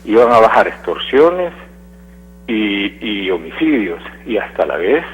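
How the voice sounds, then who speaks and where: A man's voice: lowish voice, sing-song, unhurried, slight background noise. A man phoning in to a radio show who speaks in an earnest, hesitant way with fillers. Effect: phone-line call-in voice on air. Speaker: radio call-in caller. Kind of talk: phoned-in opinion. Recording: dull phone line.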